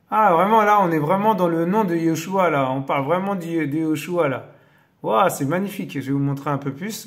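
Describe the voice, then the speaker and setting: In a casual religious commentary, a male host of Bible-teaching videos reads aloud in a fairly high voice, repeatedly stopping for awed exclamations. His explanations are hesitant and filled with fillers.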